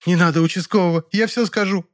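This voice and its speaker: Man doing a squeaky frightened peasant maid. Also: steady tone, fast, close to an everyday voice. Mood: grumbling, scared. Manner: squeaky, sobbing, stammering. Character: frightened young peasant housemaid, simple-minded, tearful.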